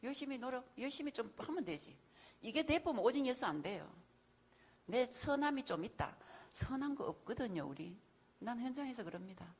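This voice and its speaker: Middle-aged woman, husky and lively, church teacher. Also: fairly high pitch, normal speed. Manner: animated storytelling, acting out quotes, frequent laughs. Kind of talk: lively sermon lecture.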